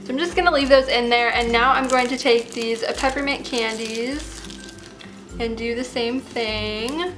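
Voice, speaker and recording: A woman's voice: on the high side, measured pace, music in the background. An eighteen-year-old woman talking with braces and a slight lisp, chatting casually as she hosts a craft tutorial. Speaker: host of a slime craft channel.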